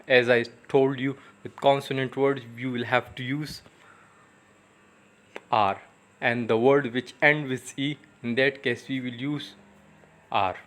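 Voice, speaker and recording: A man teaching a grammar lesson with a Pakistani English accent, explaining each point slowly in English and then repeating it in Urdu. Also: mid-range voice, fairly bright tone. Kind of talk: classroom grammar lecture.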